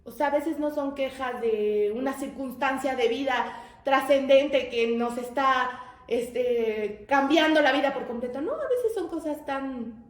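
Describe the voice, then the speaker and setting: A woman's voice: high-pitched, roomy sound. A woman giving a conversational religious lesson, addressing her listeners as brothers and asking frequent rhetorical questions. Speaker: teacher of a religious study group.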